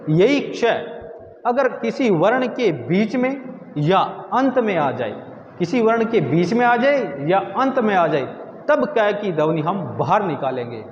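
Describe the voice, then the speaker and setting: A man teaching Hindi grammar in a video lesson, who asks students questions, answers them himself and repeats words slowly. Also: high-pitched, echoey room, big-room sound, highs cut off, slight background noise.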